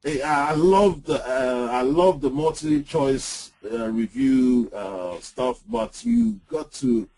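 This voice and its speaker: Guy cohosting a webinar, kinda husky mellow voice, stumbles and restarts a lot. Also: medium pitch, sing-song, poor audio. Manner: halting, many restarts and fillers. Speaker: webinar co-host. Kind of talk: casual webinar talk.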